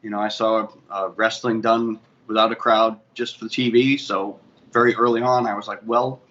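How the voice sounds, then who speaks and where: His voice is lowish and fairly bright, delivered flatly at a normal speed. He's a DJ and bar manager from the Boston area, USA, with a Boston accent, appearing as a guest in a casual interview. He rambles through his career story, correcting himself often, over muffled audio with faint ambient noise.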